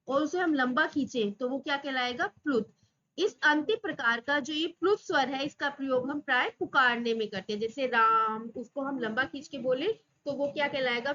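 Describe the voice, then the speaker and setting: A woman with a high, bright voice teaches an exam-prep class. She poses questions and answers them herself, stretching out the example sounds. The recording is slightly dull and lo-fi. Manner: drawls example sounds slowly.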